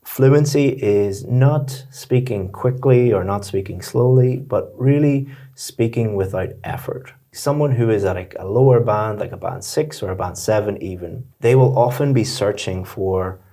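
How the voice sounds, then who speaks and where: Man, deep-ish voice, mellow tone, encouraging teacher, explanatory feedback, fast bursts. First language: English. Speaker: English exam teacher. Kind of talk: one-to-one spoken feedback.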